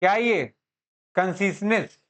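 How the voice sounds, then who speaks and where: A man's voice: high voice, measured pace, a bit bright. A man teaching a commerce class in a chatty, joking way, often checking that students follow. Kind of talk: classroom lecture.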